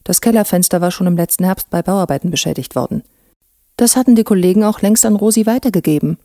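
A woman narrating an audiobook with even, dry storytelling. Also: lowish voice, fast, no room sound. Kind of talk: scripted narration.

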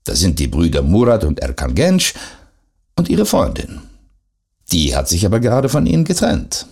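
Guy putting on a cool mocking lady interrogator, raised voice, gravelly and husky underneath, pokes with questions. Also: deep voice, wildly swooping pitch, normal speed, a little mellow, full character voice. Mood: pressing. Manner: pointed, pressing questions.

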